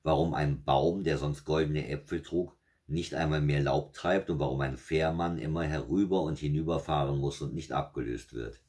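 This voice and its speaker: A man's voice: very deep voice, steady tone, normal speed, few pauses, darkish tone. A man reading aloud and voicing the young hero of a fairy tale, earnest and polite in his plain reading voice.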